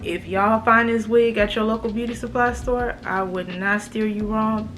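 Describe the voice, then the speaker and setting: A woman's voice: a little high, steady tone, moderate pace, a bit bright, slight background noise. An American woman with a slight lisp from braces, giving a casual, slangy, emphatic review to camera as a beauty vlogger.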